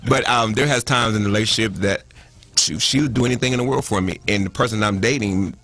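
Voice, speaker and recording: Male co-host, low and husky, slangy storyteller. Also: fast talker, no room sound. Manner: animated, street-slang storytelling. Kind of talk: casual talk-show chat.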